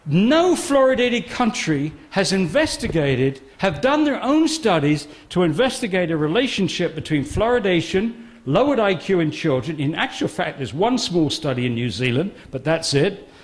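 Animated, emphatic man giving a talk. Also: sits high, normal speed, few pauses. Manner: emphatic and sarcastic, with repeated phrases. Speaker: guest speaker. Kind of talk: public talk on a health controversy.

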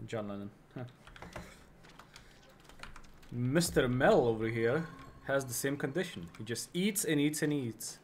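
A man streaming a video game with joking, excitable commentary. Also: mid-range voice, measured pace, long pauses, slight background noise. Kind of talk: gameplay commentary.

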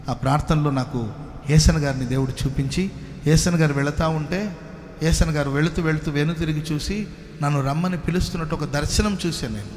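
A male pastor from Karnataka giving a sermon testimony, moving from soft pleading to loud exclamations and calling for hallelujahs. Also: mid-range voice. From Karnataka, India. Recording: echoey hall with faint noise.

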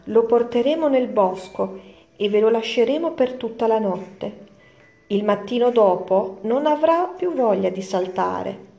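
A woman's voice: on the high side, animated, unhurried, gravelly, warm tone, echoey room, dull audio. A woman doing a cross, scolding old rabbit. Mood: scheming. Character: grumpy old male rabbit gardener.

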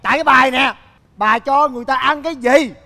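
An actor playing an excitable young local man just rescued from a storm, rambling and emphatic, in a TV comedy skit. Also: very high-pitched, a little fast. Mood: indignant.

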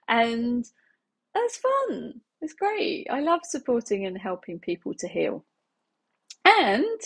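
Husky, lively-voiced woman chatting to camera. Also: a little high. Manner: chatty, laughs often, gestures with hands. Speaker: healing practitioner. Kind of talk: casual talk to camera. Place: small home living room, indoors.

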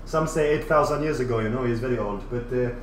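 Broadcasting live from his kitchen, a man slips into the role of a boastful, crude French chef, complete with a put-on accent, cocky rambling, and repeated "you know"s. He talks fast at a medium pitch in a lightly acted way. The audio is roomy from a distant mic, with faint ambience and slight background noise.

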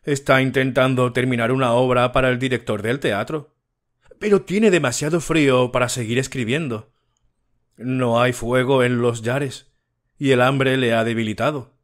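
A man voicing a generous, sorrowful male prince statue in an audiobook reading, speaking gently and solemnly. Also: mid-range voice, steady tone, normal speed, natural voice. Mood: sorrowful gentle.

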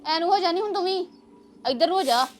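A woman's voice: on the high side, normal speed, faint music behind, natural voice. A woman playing a dramatic, complaining village daughter-in-law in a Punjabi web drama, exclaiming and muttering to herself with a Punjabi accent. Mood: chatty, determined.

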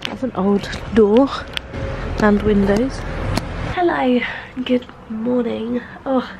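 Young mum vlogging, croaky stuffy voice, chatty, some noise behind her on a handheld camera. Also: fairly high pitch, slow pace. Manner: chatty, softly sing-song baby talk. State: croaky and bunged up from a cold. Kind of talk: casual vlog chat. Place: outdoors, walking along a road.

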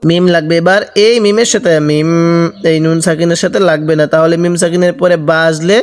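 A man teaching Quran reading, spelling each letter and vowel aloud and then drawing the words out slowly. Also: a little high, fairly even intonation. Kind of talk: slow spelled-out recitation lesson. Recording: long reverb, roomy sound.

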